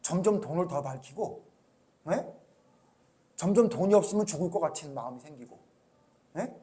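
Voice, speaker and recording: Male pastor, high voice, preaching with questions to the congregation, soft asides and loud bursts. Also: animated, moderate pace. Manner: swings from soft low asides to loud emphatic outbursts. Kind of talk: sermon.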